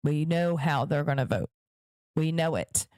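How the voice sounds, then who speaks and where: A woman with a low-pitched, slightly mellow voice hosts her own podcast, speaking expressively and without hurry in a dry recording. She delivers emphatic political commentary directly to her viewers, restating points to stress them.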